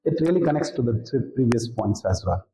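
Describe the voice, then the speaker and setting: An Indian man, an interview skills coach and presenter, gives an instructional talk to camera in a roomy, echoing room. His medium-pitched, dark-toned voice has lively intonation and a slightly fast pace, and his didactic style repeats key points for emphasis.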